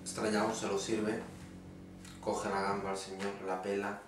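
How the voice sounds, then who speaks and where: A man telling a string of jokes for his videoblog in a slow, dry storyteller's way. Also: fairly low pitch, flat delivery, noisy background. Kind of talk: stand-up joke telling. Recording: echoey room, far from the mic.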